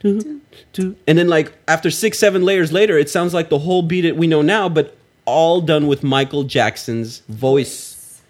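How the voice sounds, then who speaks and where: A man's voice: fairly high pitch, a little slow. A young man hosting a casual chat, loose and joking, swearing freely.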